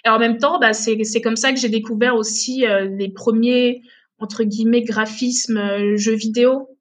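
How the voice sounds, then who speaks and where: A woman's voice: a little high, fairly even intonation, moderate pace. Hesitant woman in her late twenties. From Togo, raised in Benin. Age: late 20s. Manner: hesitant, many fillers and restarts. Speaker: guest. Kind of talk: casual podcast interview.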